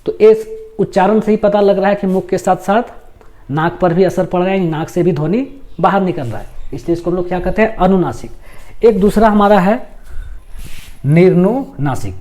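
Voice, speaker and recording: A man with a fairly high voice teaches a grammar lesson. He explains each step, comes back to each point, and poses questions that he then answers. He draws out letters and sample words slowly to show how they should sound. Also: darkish tone.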